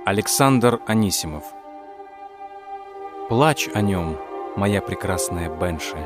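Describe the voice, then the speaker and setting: A man narrating a dark fantasy audiobook in a measured, expressive way. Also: deep voice, over loud music. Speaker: audiobook reader.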